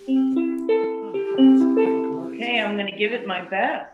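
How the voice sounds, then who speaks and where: A woman with a hoarse, raspy voice from laryngitis, chatting casually at an amateur open mic. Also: medium pitch, measured pace. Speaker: amateur singer and ukulele player. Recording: phone-like band, echoey room, loud music.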